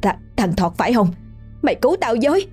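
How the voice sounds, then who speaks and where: A woman voicing a frightened village woman who pleads in a shrill, trembling voice. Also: lively intonation, quick pace, a little mellow, husky, soft background music. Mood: terrified.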